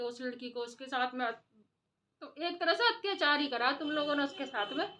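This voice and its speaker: High-voiced woman scolding in a vlog. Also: sharp tone. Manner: scolding, impassioned, repetitive. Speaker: vlogger. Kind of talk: opinion commentary to camera.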